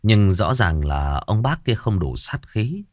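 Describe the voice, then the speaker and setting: A man narrating a ghost story in the first person, with lively storytelling. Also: fairly low pitch, unhurried, no echo, clean studio sound.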